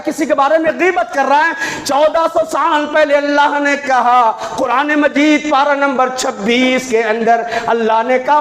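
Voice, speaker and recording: A man giving an impassioned Friday sermon in a mosque, firing off rhetorical questions and drawing out recited Arabic verses slowly. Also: very high voice, a bit bright. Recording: echoey mosque hall with faint ambience.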